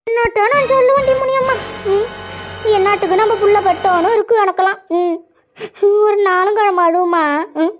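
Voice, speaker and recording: A woman's voice: very high-pitched, a little fast, over music. A woman voicing a self-pitying old village grandmother in a cartoon, with a sing-song, lamenting way of scolding. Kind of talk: cartoon voice acting. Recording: dull lo-fi recording.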